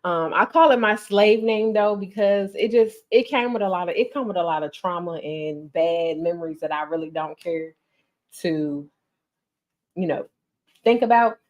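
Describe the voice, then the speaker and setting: Speaking at a moderate pace with a lowish voice, a North Carolina woman in her 30s chats animatedly as a livestream podcast host. She's casual and chatty and addresses her audience as y'all, though the recording sounds muffled.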